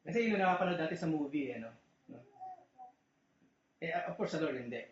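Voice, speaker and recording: A man's voice: a little high, lively intonation, brisk. A man preaching a casual, joking sermon in a church, often asking his listeners "di ba?". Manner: chatty, joking, asks "di ba?" often. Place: church hall. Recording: echoey, muffled church recording.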